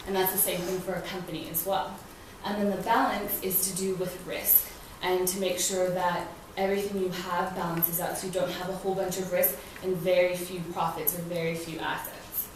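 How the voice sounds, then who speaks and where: Young woman mentor talking casually in a classroom. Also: lowish voice. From grew up in several countries, mostly New Zealand. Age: young adult. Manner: casual, chatty, many fillers like "kind of" and "um". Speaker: student mentor. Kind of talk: informal talk to young students. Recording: echoey room, voice from far off, clear noise.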